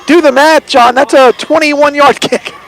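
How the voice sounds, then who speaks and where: Very high-pitched, creaky male football announcer. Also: steady tone, unhurried, fairly bright tone. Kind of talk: live high school football commentary. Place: outdoors at a football stadium.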